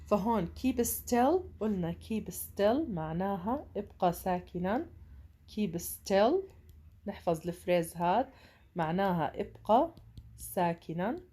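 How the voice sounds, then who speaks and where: Lady english teacher, slow careful reading then explaining, mellow low voice. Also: lively intonation. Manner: reads English slowly, explains in Arabic. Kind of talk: bilingual reading lesson.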